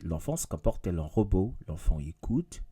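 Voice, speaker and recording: Low-voiced man giving an emphatic lesson. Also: very animated, normal speed, warm tone, breathy edge. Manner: repetitive, emphatic, addresses viewers directly. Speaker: English teacher. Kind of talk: casual video lesson.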